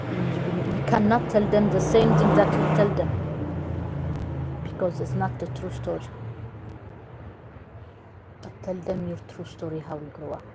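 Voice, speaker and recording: An Eritrean woman whose first language is Tigrinya or another Eritrean language earnestly offers parenting advice in English, speaking to the camera. Her voice is fairly low, she repeats herself for emphasis, and heavy background noise runs underneath.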